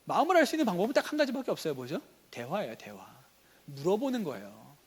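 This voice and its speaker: A man's voice: high voice, huge pitch swings, fast, breathy edge. A man preaching a sermon as pastor, talking conversationally and asking the congregation rhetorical questions. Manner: conversational, acts out everyday dialogue. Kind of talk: sermon at a teachers' revival meeting.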